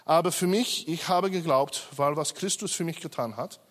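A man's voice: on the high side, moderate pace, big-room sound. A middle-aged Australian man, a native English speaker, gives a hesitant personal testimony in a church service, full of fillers and self-corrections. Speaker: church member giving a testimony.

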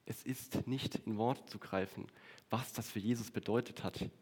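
A man delivers a sermon to his congregation in an earnest tone. He slows down and stretches key words for weight. On solemn lines his voice sinks low and quiet. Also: fairly even intonation, slightly rough. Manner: addresses the congregation directly. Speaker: preacher.

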